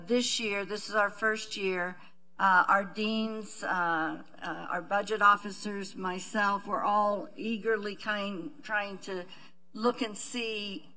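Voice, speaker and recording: A middle-aged woman, a university administrator, giving a measured panel presentation with many fillers and restarts, seated at a table in a conference room. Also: mid-range voice, bright, forceful tone, rough recording.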